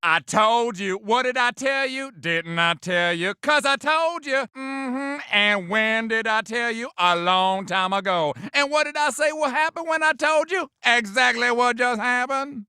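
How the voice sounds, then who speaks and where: Man putting on a high, sharp, smug scolding voice. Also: clean tone, no echo, clean studio sound, full character voice. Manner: sassy rhetorical questions, drawn-out gloating. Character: smug, scolding know-it-all who said so all along.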